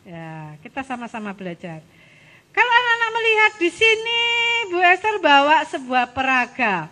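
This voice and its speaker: A woman gives an animated, coaxing children's sermon as a Sunday school teacher. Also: high-pitched, moderate pace. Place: church hall. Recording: church hall reverb.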